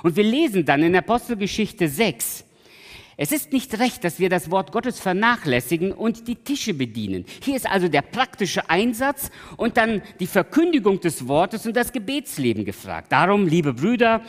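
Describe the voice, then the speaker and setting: A man preaching a sermon in a church, swinging from loud emphatic peaks to soft pleading and slowly repeating a refrain. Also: high-pitched, very animated. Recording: long hall reverb.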